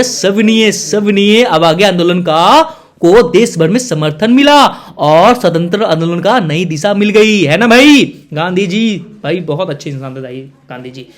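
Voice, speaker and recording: A young man teaching an exam revision lesson, casual and jokey, calling his students beta and bhaiya. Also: sits high.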